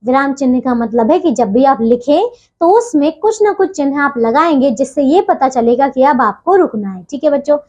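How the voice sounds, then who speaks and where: High-voiced woman teaching children Hindi grammar. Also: animated, darkish tone, lo-fi sound. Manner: patient, keeps asking "theek hai bachchon?"; leaves deliberate pauses between phrases. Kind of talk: classroom lesson for children.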